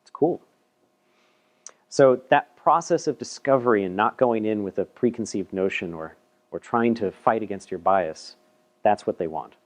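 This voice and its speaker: Speaking at a moderate pace in a lowish voice, a man gives a relaxed technical talk in a meetup room. He walks through a paper with self-deprecating remarks and often repeats words.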